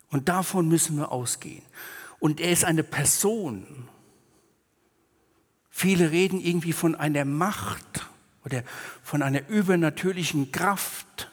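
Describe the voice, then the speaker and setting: A man's voice: on the high side, unhurried, pauses often, breathy edge, big-room sound. A man preaching a sermon, explaining scripture in a conversational way with everyday asides.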